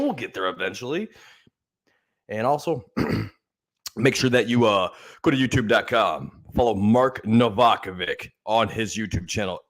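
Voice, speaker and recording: A young man hosting a casual sports podcast, chatty and loose, filling pauses with hums and fillers. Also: mid-range voice, a bit bright. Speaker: podcast host.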